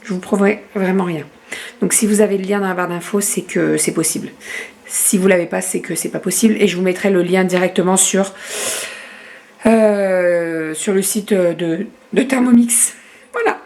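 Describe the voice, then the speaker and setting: A woman's voice: fairly low pitch, fairly even intonation, normal speed, a little mellow. A woman vlogging about her family life from her home kitchen, rambling casually with lots of hesitations and self-corrections. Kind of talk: casual home vlog chat.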